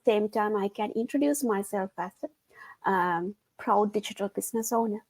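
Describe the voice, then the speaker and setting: A woman's voice: medium pitch, normal speed, dry recording, poor audio. Guest, woman in her 30s from Sri Lanka. Earnest, dry, plain delivery over a video call. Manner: earnest, non-native phrasing, soft laughs. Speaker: guest, engineer. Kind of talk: casual interview chat. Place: home.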